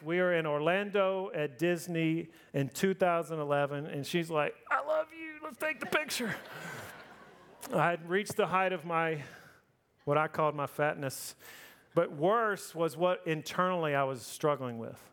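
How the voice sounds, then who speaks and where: A man in his forties gives a sermon built around his own life story. He talks in a loose, conversational way, pokes fun at himself and keeps asking the listeners "right?" His voice sits a touch higher than most men's. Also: fairly bright tone, clear, resonant tone. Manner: conversational, self-deprecating, often asks the crowd "right?". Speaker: preacher.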